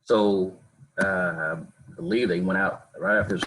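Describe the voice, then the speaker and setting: Read this as a man, a police chief, answering forum questions over a video call whose audio keeps breaking up, so your phrases come through halting and fragmented. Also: low-pitched, steady tone, noisy background. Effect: choppy, cutting-out video call audio.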